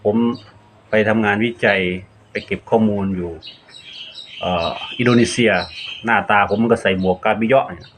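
A man's voice: on the low side, moderate pace, slight background noise. A middle-aged man from northeast Thailand with an Isan accent, chatting casually as a channel host while answering viewer questions and mixing Isan words into his Thai.

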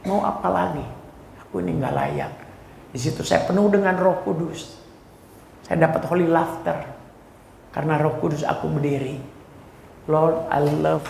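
Gravelly-voiced male preacher in an echoey hall. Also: fairly high pitch, a little hiss or hum. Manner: emotional preaching, builds to loud exhortation, mixes in English phrases. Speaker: pastor. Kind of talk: sermon with testimony. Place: church hall.

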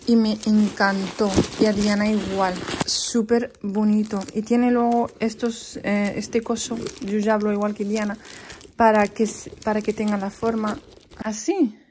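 A woman's voice: mid-range voice, flat delivery, normal speed, a little mellow, a little hiss or hum. A young woman vlogging at home, chatting casually to camera in a rambling way with many restarts.

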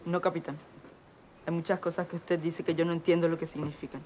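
An actor playing a naive, unschooled young lookout who asks eager questions. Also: male voice, fairly high pitch, little pitch movement, brisk, darkish tone, a little hiss or hum, lightly acted. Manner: eager, wondering.

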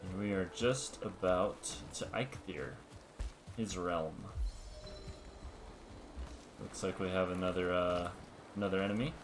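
A man hosting a let's-play, explaining game mechanics step by step in a relaxed, casual way. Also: sits low, unhurried, long pauses, background noise. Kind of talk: casual gameplay commentary. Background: background music.

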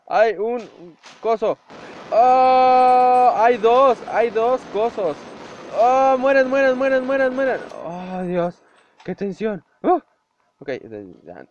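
A young man with a Mexican accent giving excitable gameplay commentary, shouting, swearing and making sound effects. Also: high voice. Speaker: gameplay youtuber. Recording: dull lo-fi home recording with faint hiss.

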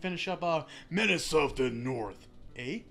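A young man hosts a casual let's play, cracking jokes and swearing as he goes. His voice sits a bit high, and faint game music plays under it. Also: lively intonation, measured pace, fairly bright tone. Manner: joking, swears freely. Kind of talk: casual gameplay commentary.

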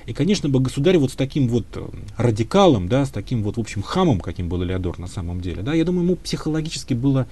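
A man answers an interviewer's questions about history at length, weighing his words and often pausing on filler sounds. His voice has a mellow, warm tone at a middling pitch. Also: big pitch swings. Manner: thoughtful, hedging, many filler sounds. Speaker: historian guest.

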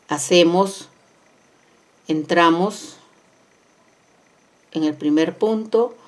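A woman's voice: lowish voice, darkish tone. A woman teaching crochet step by step, counting stitches aloud and repeating each instruction. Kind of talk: step-by-step craft tutorial. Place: indoors at a craft table.

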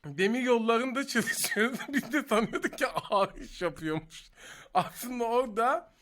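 A man's voice: extremely high pitch, moderate pace. A man in his twenties casually reacting to a video, joking and swearing often. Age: 20s. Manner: foul-mouthed, swears often; animated, joking.

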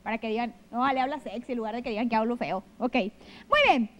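A woman's voice: fairly high pitch, fairly quick, a bit bright, rough recording. A Mexican woman hosting a live TV show, chatting affectionately and reading viewer messages into a handheld mic. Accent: Mexican Spanish. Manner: chatty, affectionate, gushing with pet names. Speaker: TV show host. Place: TV studio. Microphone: handheld microphone.

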